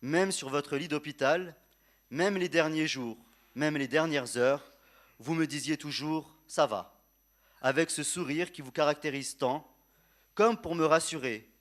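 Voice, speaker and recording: A man delivers a prepared funeral eulogy addressed to the deceased, in solemn, measured and tender oratory with repeated phrases and quiet grief. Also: a little high.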